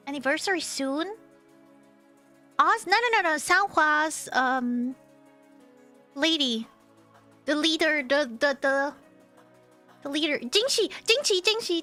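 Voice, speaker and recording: A woman's voice: high voice, lively intonation, slow pace, long pauses, bright, forceful tone, soft background music. A woman streamer chatting casually on a livestream, rambling and teasing, with restarts as she thinks aloud.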